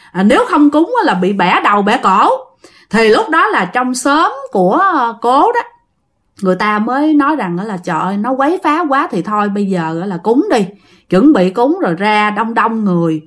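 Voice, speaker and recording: Woman, Southern Vietnamese accent, casual ghost-story telling, talks to listeners, animated. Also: on the high side. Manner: chatty, addresses listeners directly.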